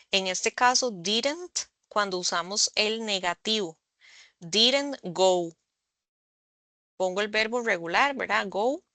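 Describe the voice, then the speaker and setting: A woman tutoring English over a video call, explaining slowly and patiently, often checking in with the students. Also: medium pitch, bright, forceful tone, no room sound. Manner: slow, patient explaining with frequent "¿verdad?". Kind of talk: online tutoring session. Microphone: computer mic on a video call.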